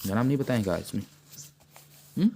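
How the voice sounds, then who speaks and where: A man giving an informal math lesson who keeps repeating terms and quizzing his pupil with quick questions. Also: medium pitch, animated, creaky, dark tone. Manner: plain conversational delivery with frequent restarts. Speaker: math teacher.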